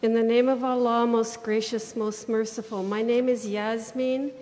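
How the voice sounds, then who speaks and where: A young woman from Washington state giving a short prepared statement at a public hearing in a steady, composed way. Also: on the high side, normal speed. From Washington state, USA. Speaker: witness giving testimony. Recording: reverberant hearing room.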